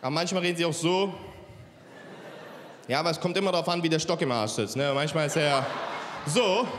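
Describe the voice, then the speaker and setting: A man's voice: fairly high pitch, fast, fairly bright tone. A man performing a stand-up comedy set on a club stage, talking straight to the crowd and slipping into mimicked voices. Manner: punchy, mimics accents and voices, addresses crowd. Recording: live stage in a hall with reverb, faint crowd noise.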